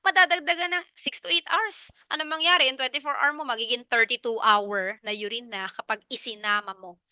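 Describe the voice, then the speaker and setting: A woman with a Filipino accent gives a review lecture mixing Tagalog and English, posing questions, answering them herself and repeating key points. Her voice is high, bright and forceful, smooth, with no room sound.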